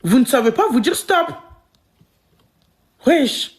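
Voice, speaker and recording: A woman streamer delivers a heated, confrontational rant to her live audience, repeating herself and leaning hard on slang. Her voice sits somewhat high. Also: expressive, slow. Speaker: livestreamer.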